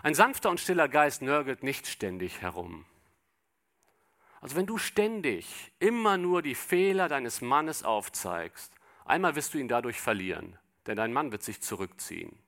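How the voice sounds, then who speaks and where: A man's voice: mid-range voice, sing-song, a bit bright. A man preaching an expository sermon, speaking straight to the congregation and asking them rhetorical questions. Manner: reads scripture aloud slowly.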